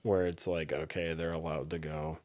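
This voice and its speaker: Mid-twenties man, relaxed podcast co-host, very deep voice, easygoing replies. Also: moderate pace. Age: 20s. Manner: laid-back, short agreeing replies. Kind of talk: casual chat.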